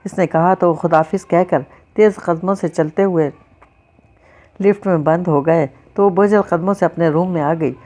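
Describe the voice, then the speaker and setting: A woman narrating a novel in a steady, even storytelling manner. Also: on the low side. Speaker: audiobook narrator.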